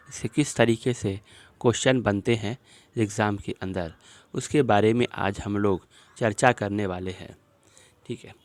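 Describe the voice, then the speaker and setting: In this exam-prep lesson, a man whose voice sits on the low side tackles spelling questions shown on a screen. Each word is slowly repeated as he explains it.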